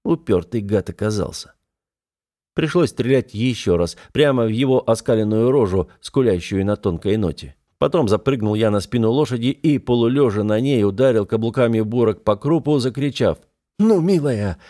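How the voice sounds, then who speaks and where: Mellow-voiced male audiobook narrator. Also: on the low side, moderate pace. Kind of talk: first-person audiobook narration.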